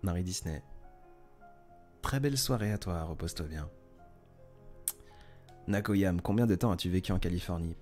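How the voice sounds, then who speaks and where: A man hosting a casual live stream, reading viewers' messages aloud and answering in a soft, hesitant way with many fillers. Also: deep voice, moderate pace, pauses often, soft background music. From France.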